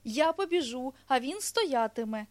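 A woman's voice: high voice, lively intonation, measured pace. A woman voicing a small earnest hedgehog in a storybook, insistently explaining.

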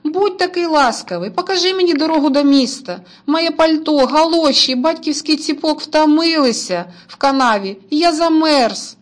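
A woman's voice: sits high, moderate pace, hardly any pauses, voice pushed up, natural voice. A woman voicing a small lost schoolboy in a storybook reading, pleading and whimpering. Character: small lost schoolboy, whiny, know-it-all.

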